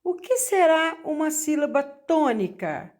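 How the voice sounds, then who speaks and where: A woman teacher with a Brazilian Portuguese accent, talking slowly and encouragingly to pupils in a recorded lesson. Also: sits high, very animated, darkish tone. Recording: echoey room.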